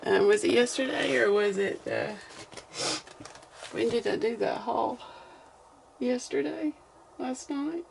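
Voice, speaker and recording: Slow, creaky-voiced Southern woman. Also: fairly high pitch, slight background noise. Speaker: vlogger opening mail. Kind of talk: casual chat to viewers.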